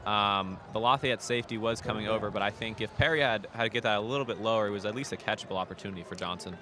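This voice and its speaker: A man's voice: lowish voice, very fast, pushed and bright. A man giving casual live analysis as a color commentator on an American football broadcast outdoors. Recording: noisy outdoor stadium broadcast.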